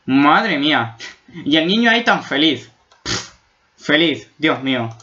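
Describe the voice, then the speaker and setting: Joking Spanish man reacting, bright voice. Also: on the high side, sing-song, slow, lo-fi sound. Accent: Spain. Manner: exaggerated, joking, easily spooked. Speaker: YouTube reactor. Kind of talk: casual video reaction.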